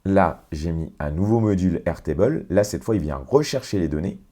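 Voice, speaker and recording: Man, low deep voice, mellow, software tutorial walkthrough, explanatory, hesitant fillers. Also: animated. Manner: unhurried, explanatory, many fillers and self-corrections. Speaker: tutorial presenter. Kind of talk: screen-share software walkthrough.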